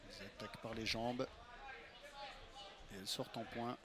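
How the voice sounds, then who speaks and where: A man's voice: medium pitch, steady tone, moderate pace, crowd noise. A man giving conversational expert fight commentary as a coach, often repeating phrases for emphasis. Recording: live commentary over music.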